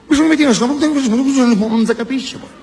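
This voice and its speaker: A man's voice: very high voice, normal speed, gravelly, darkish tone, a little hiss or hum, voice pushed up. A man voicing a polite, confused Venetian would-be mafia boss in comedy, with a Venetian accent and hesitant sing-song delivery. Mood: flustered. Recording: stage hall reverb, music behind.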